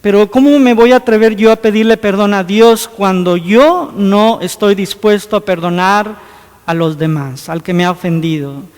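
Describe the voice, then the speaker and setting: In an earnest church homily, a priest with a high, smooth voice speaks at normal speed, asking many rhetorical questions and dramatizing scripture scenes. The sound carries a long reverb from the hall.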